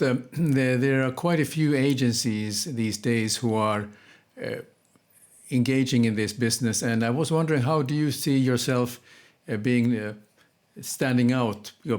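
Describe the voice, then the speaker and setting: A man's voice: medium pitch, darkish tone. A man hosting a podcast interview, asking questions hesitantly with many fillers. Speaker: podcast host.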